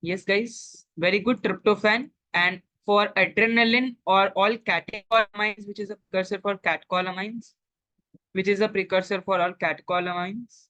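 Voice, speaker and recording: A woman's voice: mid-range voice, fairly even intonation, moderate pace, fairly bright tone, no echo, highs cut off. A woman with an Indian accent teaching an interactive online class, quizzing and praising students and switching between English and Hindi.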